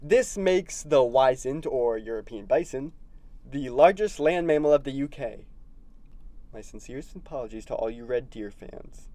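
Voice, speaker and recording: A man's voice: medium pitch, lively intonation, normal speed, mellow, slight background noise. A young man hosting a puppet animal news show in a loopy, goofy, punning style. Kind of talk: comedic animal news presenting.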